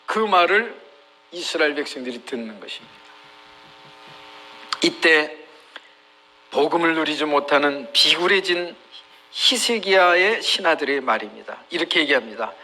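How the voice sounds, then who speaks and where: A man's voice: on the high side, lively intonation, normal speed, long pauses, bright, forceful tone, poor audio. A middle-aged male pastor preaching a sermon, emphatic, retelling scripture with acted quotes.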